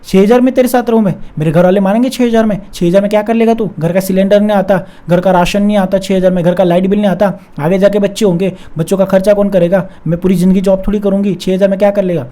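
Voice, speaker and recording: A man's voice: high-pitched, steady tone, dark tone, lightly acted. A man retelling the words of a scornful young woman who looks down on a boyfriend with little money, firing off mocking questions. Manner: contemptuous, rapid-fire questions.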